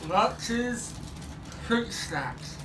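A man's voice: extremely high pitch, lively intonation, extremely slow. A young man bantering casually during an eating challenge, talking with his lips stretched wide by a mouth retractor so his consonants slur. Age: young adult. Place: indoor room at a table. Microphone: distant camera. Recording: echoey room, distant mic, noisy background.

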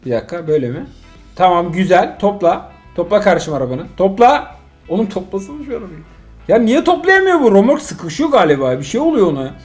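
A middle-aged man, a father, playing a mobile driving game with his son and commenting casually, excitable and exasperated by turns, full of jokes. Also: high-pitched, fast talker, faint music behind.

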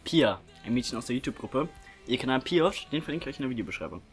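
Chatting casually as host of a prank-call video, a young adult man speaks quickly in a mid-range voice with lively intonation. The setting is a small room indoors, a curtain at his back and faint music behind.

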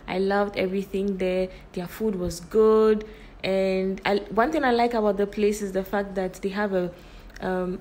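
A woman's voice: mid-range voice, darkish tone. A woman with a Ghanaian accent narrating a vlog as its host. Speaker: vlogger. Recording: music behind the voice. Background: music.

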